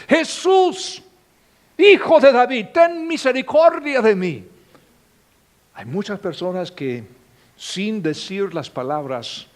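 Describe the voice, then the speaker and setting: Slow, expressive male preacher. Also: mid-range voice. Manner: expressive preaching, dramatic swings in volume. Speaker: pastor. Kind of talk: sermon.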